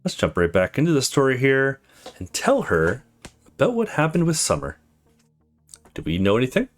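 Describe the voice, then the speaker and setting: Hosting a let's play, a man casually comments and reads visual novel dialogue aloud, informal, sweary and reacting off the cuff. His medium-pitched voice swoops wildly at a normal speed, with faint music behind.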